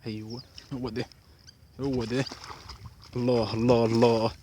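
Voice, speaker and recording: A man with an Egyptian Arabic accent giving excited live commentary while fishing outdoors by a canal, talking to his viewers and calling out exclamations. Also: mid-range voice, moderate pace, slight background noise. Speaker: fishing vlogger.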